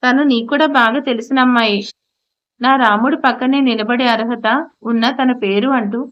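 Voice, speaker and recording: A woman voicing a fond, gentle middle-aged mother in an audio story, speaking affectionately. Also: on the high side, steady tone, normal speed, close to an everyday voice. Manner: warm, affectionate. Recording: slightly muffled audio.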